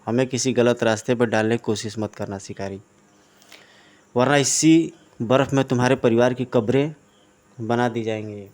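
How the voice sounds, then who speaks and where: A man's voice: mid-range voice, normal speed, pauses often, darkish tone, natural voice. A man voicing a cold male gang boss who gives curt orders and threats in a comic audio story. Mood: threatening.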